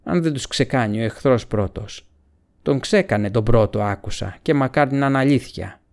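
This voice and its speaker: Orc tracker voiced by a male reader, raised pitch, gravelly, sneering, snarling, audiobook. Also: natural voice. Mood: furious. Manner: mocking, grumbling, flaring into shouts.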